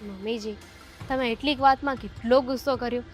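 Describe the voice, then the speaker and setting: A woman's voice: a little high, fairly even intonation, a little fast, natural voice. A woman acting a put-upon young daughter-in-law who answers back sarcastically in a family drama. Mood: sarcastic.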